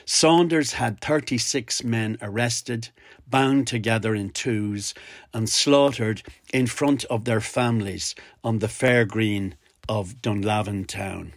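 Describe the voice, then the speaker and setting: An Irish man speaking as a storyteller, introducing his piece in a measured, lilting delivery. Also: lowish voice, dry recording, studio quality. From Ireland. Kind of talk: recorded spoken introduction, storytelling.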